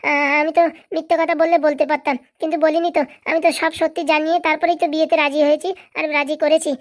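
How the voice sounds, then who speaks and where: A hurt young wife stands her ground with insistent replies in a cartoon, voiced by a woman. Her voice is high and the delivery very fast. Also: level tone, lightly acted. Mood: firm. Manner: insistent, self-defending. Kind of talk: cartoon voice acting.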